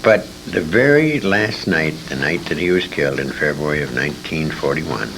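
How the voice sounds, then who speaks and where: His pitch is extremely low and expressive, his speed normal: an older man, once a radio performer, recalling old times as an interview guest. He tells his stories with emphasis, opinion and emotion, recorded on noisy amateur tape at a convention.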